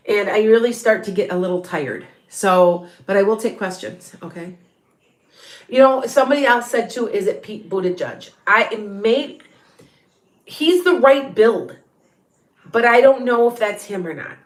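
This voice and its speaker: A middle-aged tarot reader from around Beloit, Wisconsin, in the US Midwest, chats casually on a livestream while answering viewer questions, rambling, restarting and laughing often. She has a Northern Illinois Chicago-area accent and a medium-pitched, slightly bright voice. The sound is roomy.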